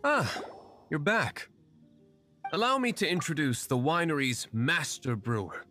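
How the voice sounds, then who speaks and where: A man voicing a cool, aloof young gentleman who owns a winery in a video game, speaking in a composed, formal, reserved way. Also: fairly high pitch, sing-song, measured pace, exaggerated voice. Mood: composed, explaining. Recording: background music under the voice.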